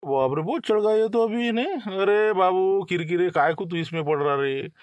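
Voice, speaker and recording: A man's voice: high voice, moderate pace, dry recording, natural voice. A man playing a menacing, swaggering local extortion racketeer in a comic sketch. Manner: menacing, swaggering street talk.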